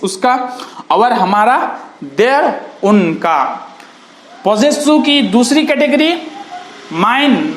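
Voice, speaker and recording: A man teaching an English grammar lesson, slowly repeating each word along with its meaning. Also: very high-pitched, a bit bright, reverberant.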